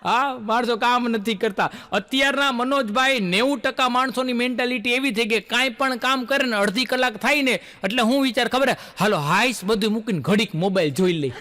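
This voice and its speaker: A man's voice: extremely high pitch, brisk, hardly any pauses, bright, forceful tone. A male stand-up comedian, telling folksy jokes and acting out the lines of his characters.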